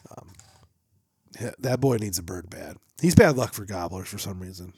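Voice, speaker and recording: A young man with a lowish voice chats about his hunting weekend in a rambling, loose way, wandering into asides as he goes. He is recorded close on a headset mic in a small shop studio. The sound is completely dry. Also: moderate pace, breathy edge, dry recording. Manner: rambling and animated, trailing off into asides. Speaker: podcast co-host. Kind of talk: casual chat. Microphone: headset or boom mic.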